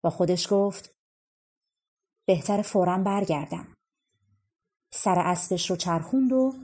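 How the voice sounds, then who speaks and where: Woman reading a fairy tale audiobook, calm and measured, mellow husky voice. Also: medium pitch. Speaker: audiobook narrator. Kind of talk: storybook narration.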